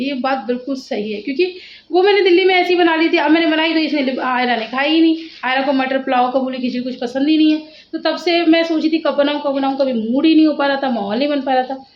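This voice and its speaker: Chatty high-voiced mom vlogging at home. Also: female voice, lo-fi sound, slight background noise. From India. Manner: chatty, rambling, says "matlab" often. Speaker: vlogger and mother. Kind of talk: casual home vlog chat. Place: home kitchen and rooms.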